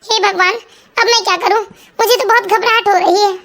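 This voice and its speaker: A woman's voice: fairly even intonation, fairly quick, fairly bright tone, slight background noise. A woman doing a frightened cartoon young wife. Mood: worried. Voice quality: very high, cartoonish. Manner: fretful, pleading. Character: anxious young wife hiding a lie. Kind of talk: animated cartoon dubbing.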